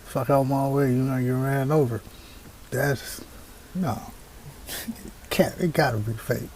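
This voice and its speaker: A man casually reacting to scary videos, loud and joking, swearing and laughing often. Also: mid-range voice, slow pace, slight background noise. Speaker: reaction streamer.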